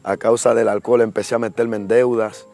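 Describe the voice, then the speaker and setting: A man's voice: fairly low pitch, level tone, fairly quick, darkish tone, faint music behind. A young man giving an earnest personal testimony, acting out the voices in his story. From Dominican Republic.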